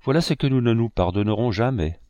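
A man's voice: mid-range voice, expressive, fairly quick, a little mellow, no room sound, natural voice. A man reading aloud, voicing a candid young male painter who confesses openly. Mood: remorseful. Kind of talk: audiobook reading.

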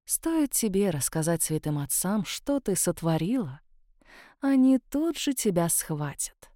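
A woman voicing a sardonic female ghost of a dead woman, speaking low and mocking, in an audiobook. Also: very animated, measured pace, mellow, dry recording, clean studio sound. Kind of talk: audiobook character voice.

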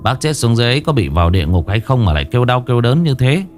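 A man's voice: mid-range voice, very animated, fast talker, a little mellow, slight background noise, voice pushed up, lightly acted. A man voicing a spirit master who earnestly questions a ghost. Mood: probing. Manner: probing, earnest.

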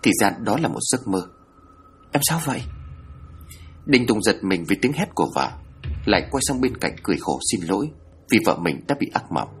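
A man's voice: lowish voice, big pitch swings, a little fast, soft background music. A man narrating a horror story in a dramatic storytelling style.

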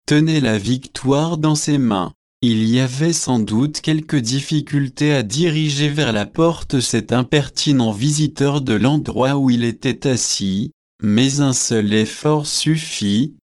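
Slow-reading male audiobook narrator. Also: mid-range voice, darkish tone. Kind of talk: scripted narration of a novel.

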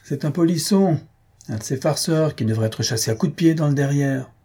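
A man reading aloud and voicing a grumpy, irritable older husband who blusters and shouts sarcastically. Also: on the high side, lively intonation, fairly quick, breathy edge, pitched above the performer's own voice. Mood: blustering.

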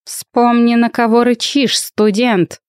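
A woman's voice: fairly high pitch, level tone, slow, darkish tone, smooth, no room sound, studio quality, pitched above the performer's own voice. A woman voicing an indignant male werewolf professor who protests and snaps back at students. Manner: huffy, protesting.

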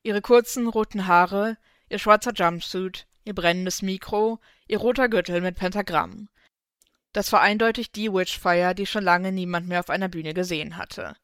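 Smooth, close woman narrating a story. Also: mid-range voice, fairly even intonation, moderate pace, fairly bright tone, no echo. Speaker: fanfiction reader. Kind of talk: scripted narration of a fan story.

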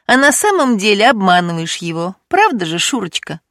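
A woman voicing a sharp young woman who hurls accusations in a raised voice in an audiobook. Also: medium pitch, very animated, moderate pace, dry recording, clean studio sound. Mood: accusing.

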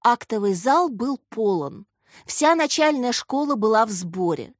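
Woman reading a story with lively voices. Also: on the high side, a little slow, no echo, clean studio sound. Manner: lifts her voice for characters' lines. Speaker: audiobook narrator.

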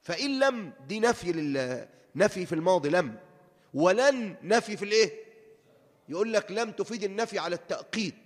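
An Egyptian preacher rattles along at high speed with a somewhat high voice. He acts out each speaker in his stories and keeps asking the congregation questions. The long reverb of a mosque hall trails after his words. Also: a little fast. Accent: Egyptian Arabic. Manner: lively storytelling, asks the congregation questions. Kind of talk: mosque lesson.

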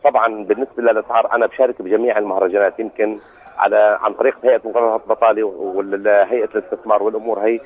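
A man's voice: lowish voice, level tone, rapid-fire, husky. A man from southern Syria with a Syrian Arabic accent answering in a live radio interview over a muffled line. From Sweida, Syria. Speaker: food producer being interviewed.

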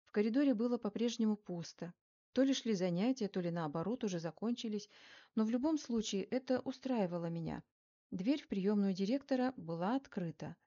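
Mellow-voiced woman narrating a story. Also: medium pitch, lively intonation, a little fast, muffled recording. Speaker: audiobook narrator. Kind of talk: scripted first-person narration.

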